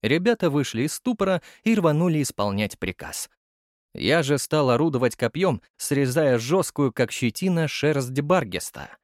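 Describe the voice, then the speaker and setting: Male first-person audiobook narrator, expressive, animated delivery. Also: mid-range voice, no room sound, studio quality.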